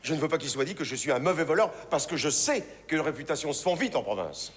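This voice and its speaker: A man's voice: a little high, big pitch swings, quick pace. An older man playing a mischievous old drifter father who proudly shoplifts, in a teasing, theatrical stage delivery. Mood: cheeky. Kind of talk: stage play acting. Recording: reverberant theater hall, faint ambience.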